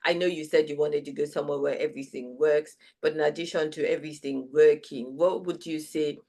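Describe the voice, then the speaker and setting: A woman's voice: sits low, darkish tone, slightly rough. A woman, interviewing a guest in a casual, conversational style as host.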